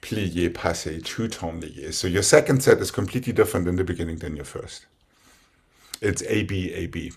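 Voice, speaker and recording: Deep, gravelly man calling out ballet steps rhythmically. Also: normal speed. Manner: directive, counting out steps in short rhythmic phrases. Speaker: ballet teacher. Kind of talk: dance instruction, calling out combinations.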